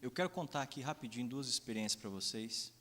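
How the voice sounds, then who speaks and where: Brazilian pastor telling stories in a reverberant church. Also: male voice, medium pitch, lively intonation, quick pace, fairly bright tone. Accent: Brazilian Portuguese. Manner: storytelling, acts out dialogue, many "né?" asides. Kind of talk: sermon with personal stories. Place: church sanctuary. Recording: long reverb of a church hall.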